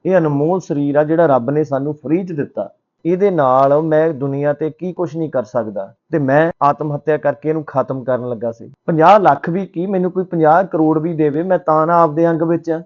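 A man's voice: fairly high pitch, a little fast, muffled recording, natural voice. A man doing a desperate indebted man. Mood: grateful. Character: desperate indebted man, stubborn then grateful.

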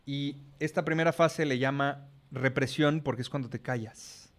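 A man's voice: mid-range voice, fairly even intonation, normal speed. A middle-aged man with a Mexican accent, talking as a podcast guest in a frank, explanatory way and swearing casually. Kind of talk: casual chat.

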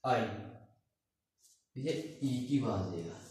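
Male teacher, slow and patient, recorded from across a very echoey room. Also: mid-range voice, lively intonation, a little mellow, a little hiss or hum. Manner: slow and deliberate, repeating each letter. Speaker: language teacher. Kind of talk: recorded alphabet lecture. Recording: distant mic in a very echoey room.

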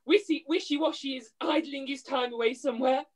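A woman's voice: sits high, a little fast, close to an everyday voice. A woman playing a brash, long-suffering widowed mother in an amateur pantomime read-through, arch and exclaiming, on a video call. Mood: brash, plaintive.

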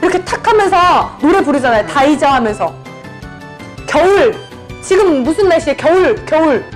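A woman's voice: high-pitched, expressive, moderate pace, soft background music. A woman hosting her channel, describing clues in a party guessing game and repeating words over and over. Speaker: channel host.

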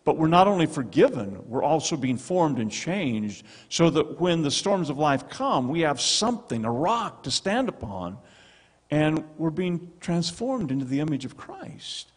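A middle-aged male pastor preaches with an emphatic, animated delivery into a handheld mic. His voice sits a little high and swings widely in pitch. The sound carries a long church-hall reverb. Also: measured pace, slightly rough. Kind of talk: sermon. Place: church sanctuary with stone wall and projection screen. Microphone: handheld microphone.

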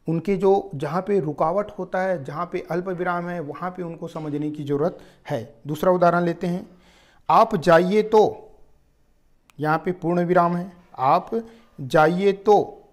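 A man with a slightly high voice teaches a grammar lesson. He explains patiently, step by step. He repeats short example phrases with shifting stress to show how the meaning changes.

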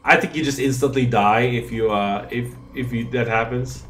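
A man's voice: medium pitch, normal speed, fairly bright tone, soft background music. A man casually commentating on a fantasy role-playing game as he plays. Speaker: gamer presenting a playthrough. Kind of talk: casual game commentary, reading dialog aloud.

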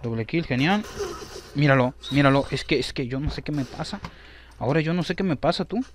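A young man commentating his own gameplay, excitable and repeating himself as he talks. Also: a little high, a little fast, a little hiss or hum.

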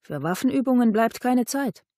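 A woman's voice: fairly high pitch, lively intonation, normal speed, warm tone, no room sound, voice pushed up. A stern older father , read by a woman narrating a storybook speaks in a firm, curt way. The sound is dry and close.

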